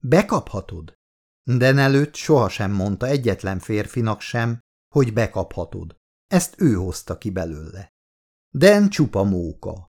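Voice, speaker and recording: A man reading a novel aloud as an audiobook narrator, in a measured storytelling manner. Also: lowish voice, sing-song, a little mellow.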